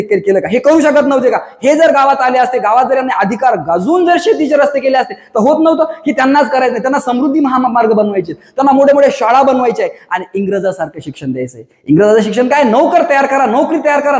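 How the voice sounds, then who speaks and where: A man giving an impassioned, ranting monologue full of rhetorical questions, as a coaching class owner. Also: very high-pitched. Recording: echoey room with long reverb.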